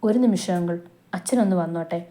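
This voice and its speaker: A woman reading the part of a sorrowful, apologetic young man who speaks softly and slowly. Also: fairly low pitch, lightly acted. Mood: subdued. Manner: soft, slow speech.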